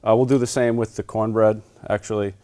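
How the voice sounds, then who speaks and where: The town manager, a man, cooks as a guest and walks through each step in a casual demonstration, sounding easygoing with lots of "uh" and restarts. His voice is mellow and fairly low, with little pitch movement and a fairly quick pace.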